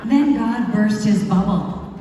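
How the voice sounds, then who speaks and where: A woman performing a first-person monologue as a wayward young biblical wife who has become remorseful, telling her story slowly and reflectively with dramatic pauses. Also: mid-range voice, mellow, natural voice. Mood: regretful. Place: large hall at a retreat. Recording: echoey hall from far off, faint music.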